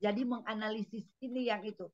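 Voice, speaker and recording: A woman's voice: mid-range voice, steady tone, fast, a little mellow, no room sound, muffled recording. A woman lecturer giving instructive feedback to a trainee teacher, asking pointed questions and acting out classroom examples.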